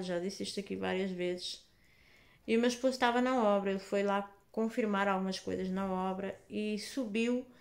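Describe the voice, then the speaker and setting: A woman with a European Portuguese accent, telling a personal faith testimony in a casual, animated vlog, acting out the dialogue. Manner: animated, acts out dialogue in lowered voices.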